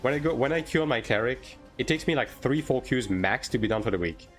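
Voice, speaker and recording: Speaking a little fast with lively intonation at medium pitch, a game streamer from France chats informally with his livestream viewers while soft music plays. French is his native language, and he hedges and tags sentences with "right?".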